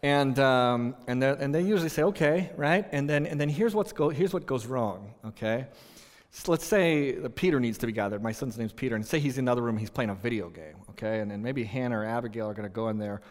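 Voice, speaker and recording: Animated pastor man in an echoing hall. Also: mid-range voice, fast. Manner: animated, storytelling, many restarts, conversational. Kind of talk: sermon with storytelling. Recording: long reverb in a large hall.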